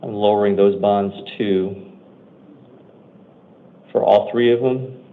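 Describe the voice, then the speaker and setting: An American man with a slightly low voice presides as judge over a routine hearing. He delivers procedural courtroom announcements briskly and matter-of-factly. The audio is thin and muffled, like a phone line. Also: fairly even intonation. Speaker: judge or commissioner at initial appearance hearings.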